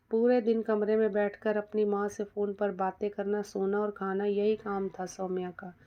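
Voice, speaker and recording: A woman narrating a scripted story in a steady, plain manner, in a dull lo-fi recording. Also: mid-range voice.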